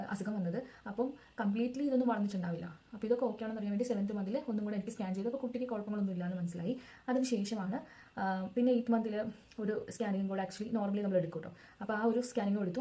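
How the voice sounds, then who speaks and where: A woman's voice: medium pitch, mellow. A young woman casually telling her own story as a vlogger, in a chatty, rambling way that backtracks to add details.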